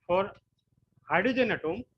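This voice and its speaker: A man from West Bengal with an Indian English accent, giving an online physics class and explaining slowly with frequent repetitions. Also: high voice, lively intonation, breathy edge, lo-fi sound. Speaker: physics lecturer.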